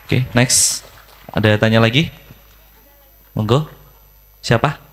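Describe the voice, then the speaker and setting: A man moderating a discussion session, brisk and informal, prompting the audience for questions. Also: medium pitch. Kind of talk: casual moderating.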